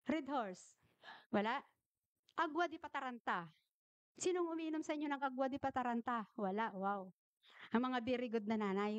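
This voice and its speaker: A woman giving an animated talk to an audience, asking questions and telling anecdotes. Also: sits high, dry recording. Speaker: health speaker at a church gathering. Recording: dull, slightly muffled recording.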